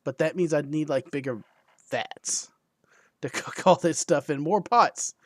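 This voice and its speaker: A man co-hosting a ham radio livestream in casual chat. He is easygoing, often makes soft-spoken asides and laughs readily. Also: on the high side, unhurried, no room sound. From United States.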